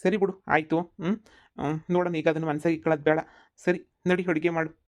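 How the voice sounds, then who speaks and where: A woman voicing a calm, resigned middle-aged village husband in a cartoon, speaking slowly and soothingly. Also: deep voice, lightly acted. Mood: subdued.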